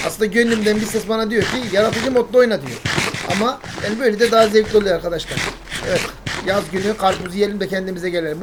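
A man's voice: high voice, slight background noise. A man narrating a gameplay video in a chatty, playful role-play style, talking to his viewers as friends. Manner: chatty, addresses viewers as friends, mock-dramatic. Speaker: gaming YouTuber.

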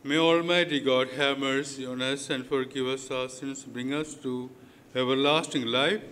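A man speaking as a priest into a pulpit microphone, leading prayers in short, measured phrases with many pauses. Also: mid-range voice, fairly even intonation, a bit bright, slight background noise. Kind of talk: liturgical address and prayers. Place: large church. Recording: long church hall reverb.

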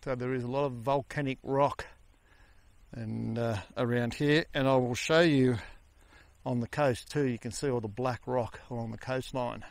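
An older Australian man chatting casually to the camera while cycling outdoors on a coastal gravel road. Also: mid-range voice, fairly even intonation, moderate pace, dry recording. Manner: chatty, easygoing, talking while riding. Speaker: cycling vlogger. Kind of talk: casual ride commentary. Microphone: helmet or bike camera.

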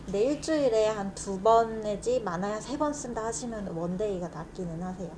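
A woman's voice: medium pitch, fairly quick, darkish tone, a little hiss or hum. A young woman optician in a contact lens shop, speaking through a face mask as she patiently explains products to a customer. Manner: polite, patient and informative.

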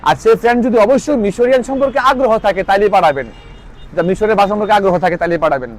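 High-voiced man teaching phrases. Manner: repeats phrases slowly, explains with "ঠিক আছে?" checks. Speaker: language teacher. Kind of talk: casual spoken lesson.

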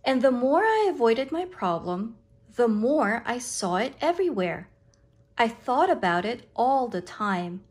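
A woman reading a picture book aloud to children, with expressive, deliberate, dramatic phrasing. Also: on the high side, breathy edge.

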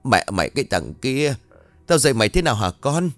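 A man's voice: mid-range voice, sing-song, fairly quick, fairly bright tone, no echo, soft background music, voice pushed up. A man voicing an angry middle-aged village mother who wails and scolds her son. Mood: furious scolding. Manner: scolding, wailing.

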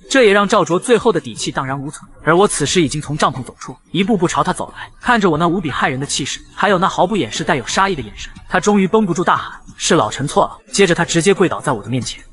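Brisk male comic-recap narrator, rattles along very quickly, slightly high voice. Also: animated, fairly bright tone. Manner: rapid, brisk storytelling. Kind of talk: fast first-person comic recap narration.

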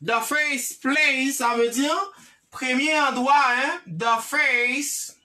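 Woman, Haitian accent, English teacher, very slow, bright tone, slightly high voice. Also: steady tone. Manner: repeats words slowly with frequent "ok?" checks. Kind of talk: online language lesson, mixing English, French and Creole.

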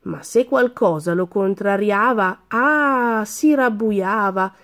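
A woman reading a children's story aloud in a lively, expressive way. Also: mid-range voice, slow.

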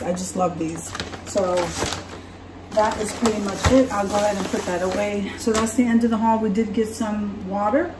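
A woman vlogger with a mid-range voice shows the groceries she's unpacking in her kitchen at home, keeping the chat casual and relaxed and fixing her own slips along the way. Background noise and kitchen echo come through, since the camera is set far off across the counter.

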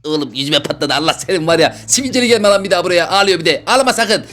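A man giving loud, jokey let's-play commentary, exclaiming a lot as he plays a virtual reality game. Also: sits high, expressive, very fast. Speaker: gaming YouTuber.

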